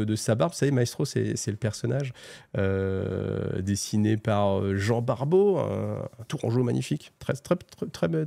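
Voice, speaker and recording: Gravelly, dark-voiced French man chatting casually. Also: on the low side, dry recording. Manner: chatty, joking, many fillers and restarts. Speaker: host presenting new tabletop game releases. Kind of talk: casual, animated product roundup.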